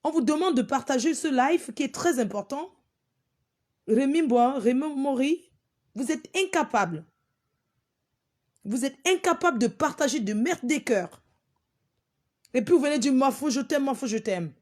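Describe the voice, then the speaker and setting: A woman's voice: high-pitched, animated, a little slow, long pauses, darkish tone. A woman hosting a live stream, scolding her viewers in an exasperated, repetitive way. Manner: exasperated, repeats herself, scolding.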